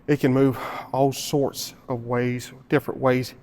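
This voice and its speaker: A man talks through his shoulder workout in a gym, slightly winded from a cold. He repeats himself to drive points home, in an ordinary mid-pitched voice picked up by the camera mic. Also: level tone, a little slow, a little mellow. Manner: explains with repetition, grunting effort between sets. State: out of breath. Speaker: fitness vlogger. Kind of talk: casual gym explanation.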